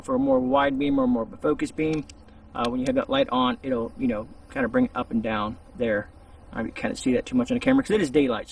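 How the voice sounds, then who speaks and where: With a high-ish, gravelly voice, a man runs a casual, unscripted gear review, rambling to camera like he's just chatting. Faint outdoor noise reaches the distant mic in the shaded spot where he's filming.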